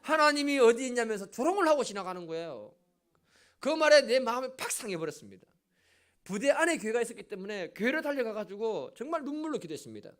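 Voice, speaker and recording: A man's voice: very high voice, fast talker. A middle-aged male pastor preaching a sermon in a church, telling a story with asides to the congregation. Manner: animated storytelling with audience asides. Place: church sanctuary.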